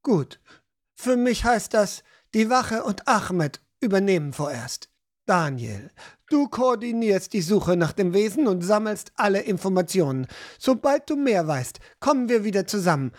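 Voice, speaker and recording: A woman's voice: medium pitch, big pitch swings, measured pace, a little mellow. A woman reading an audiobook, voicing a firm, commanding male village mayor in a raised voice. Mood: decisive. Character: authoritative male village mayor, calm organizer.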